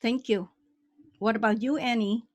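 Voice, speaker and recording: A woman hosting an interview podcast, enthusiastic and often halting mid-sentence. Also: on the high side, fairly even intonation, dry recording. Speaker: podcast host.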